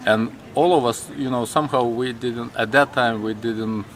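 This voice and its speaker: A man from Lithuania with a Lithuanian accent, a native Lithuanian speaker, telling his story in an interview in slow, halting English full of restarts. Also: medium pitch, steady tone, fairly bright tone, a little hiss or hum. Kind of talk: personal interview.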